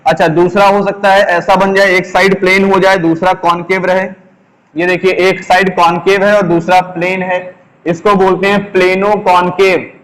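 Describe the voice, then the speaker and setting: In a classroom lesson, a male teacher explains material at the board in a high, level voice that barely changes pitch. He takes his time, says each important term more than once and asks the students questions, all with a long, echoing reverb like a hall.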